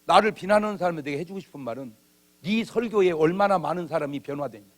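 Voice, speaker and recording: A man's voice: a little high, fast talker. A man preaching a revival sermon in a church, with humor and acted-out bits of dialogue. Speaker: pastor. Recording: old church video.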